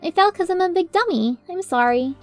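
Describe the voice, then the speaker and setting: A guileless, bumbling pegasus mare from a storybook performed by a woman, high-voiced and sweet. She is self-deprecating yet cheery, with music playing behind. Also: expressive, fairly quick. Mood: apologetic. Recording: music under the voice.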